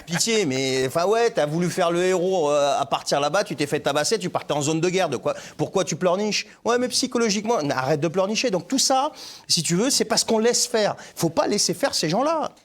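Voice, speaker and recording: A man's voice: sits high, expressive, a little fast. Lebanese-born man, blunt and emphatic. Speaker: panelist. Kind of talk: studio talk-show debate.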